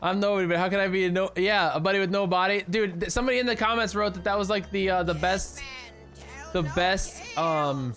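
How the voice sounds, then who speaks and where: A man's voice: high voice, fairly even intonation, brisk, a bit bright. A man livestreaming casually, muttering as he works and talking to his viewers. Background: faint music.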